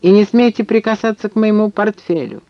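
A man's voice: sits high, brisk, dull audio, voice pushed up. A man voicing a jittery, fussy old male historian who yelps and shrieks in an audiobook. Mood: shrill. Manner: yelping, fussy.

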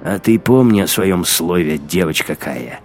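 A man voicing a brutal, gloating young male hunter who shouts and mocks in a storybook reading. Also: low voice, animated, unhurried, faint music behind. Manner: shouting, menacing, mocking. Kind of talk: audiobook character acting.

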